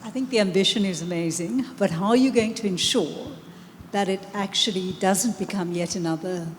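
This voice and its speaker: A woman's voice: medium pitch, moderate pace, a little hiss or hum. Woman judge asking a probing question. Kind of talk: panel question. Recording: long hall reverb.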